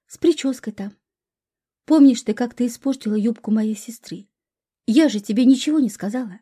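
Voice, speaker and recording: A woman's voice: on the high side, warm tone, slightly rough. A woman voicing a carefree young female student who coaxes and pleads with her friend. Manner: pleading, playful, coaxing.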